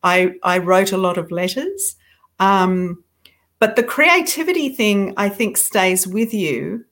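A woman's voice: medium pitch, lively intonation, takes it slowly, a bit bright. A middle-aged woman author, a guest in an interview, talking reflectively and self-deprecatingly about her writing, with frequent restarts.

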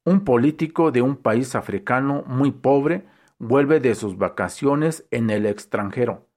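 A man reading short jokes aloud as an unhurried storyteller who briefly voices the punchlines. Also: medium pitch, a little mellow. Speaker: joke reader.

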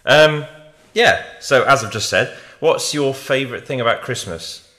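A man hosting a casual podcast, talking in a relaxed, rambling way with many fillers. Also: mid-range voice, a little slow. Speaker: podcast host.

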